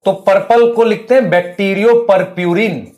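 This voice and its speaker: Man, high voice, biology lesson, rhetorical questions, calls students beta. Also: normal speed, a little mellow. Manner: addresses students as beta and bhai. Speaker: biology teacher.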